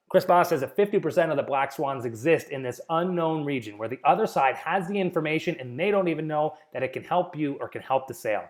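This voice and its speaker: A man giving an informal spoken lesson on negotiation, conversational, with frequent restarts and acted-out sample lines. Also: a little high. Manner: conversational, repeats and restarts, acts out sample dialogue. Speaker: real estate negotiation teacher.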